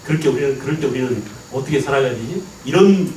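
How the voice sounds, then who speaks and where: A middle-aged man from the Jeolla region giving a lively history lecture, constantly asking the class rhetorical questions to check they follow. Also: medium pitch, fast, a little hiss or hum. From Jeolla province, Korea. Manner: animated, keeps checking understanding with rhetorical questions. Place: lecture hall. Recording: echoey hall, mic at a distance.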